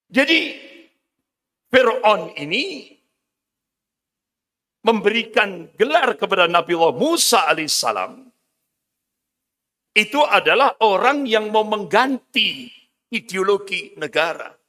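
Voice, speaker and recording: A man delivers an emphatic, declamatory sermon as an Islamic preacher, with Quranic recitation. His voice sits high and sounds bright and forceful. A long hall reverb trails his words. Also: very animated, takes it slowly, long pauses.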